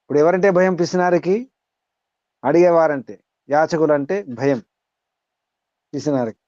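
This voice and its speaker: A man leads a class, and his voice is mellow and dark, a little higher than most. He keeps putting pointed questions to his listeners and recites verses slowly. The audio is dry and dull. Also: no room sound. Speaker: spiritual teacher. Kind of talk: teaching over an online call.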